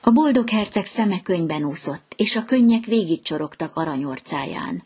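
A woman reading a fairy tale aloud in a gentle, measured storytelling voice. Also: fairly low pitch, animated, husky.

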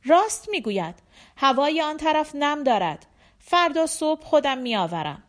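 A woman's voice: high voice, very animated, pitched above the performer's own voice. A woman reading an audiobook voices a stern, short-tempered older Turkmen man who barks his warnings. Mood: matter-of-fact.

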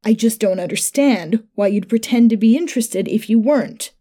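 A woman reading the part of a resentful young man in a dark sci-fi audio story, who ends up screaming in pain. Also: a little high, moderate pace, close to an everyday voice. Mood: bitter. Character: hurt, bitter young man, coworker turned victim.

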